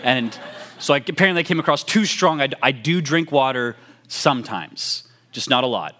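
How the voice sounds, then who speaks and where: A man's voice: mid-range voice, expressive, normal speed, pushed and bright. A young man, a youth pastor, opening a sermon with a chatty, self-mocking story full of fillers.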